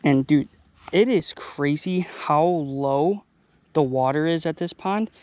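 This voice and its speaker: A man vlogging outdoors by a pond, talking excitedly and a bit out of breath straight to his viewers. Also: a little high, slow, faint music behind. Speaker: fishing vlogger. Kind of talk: casual outdoor vlog narration. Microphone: action camera.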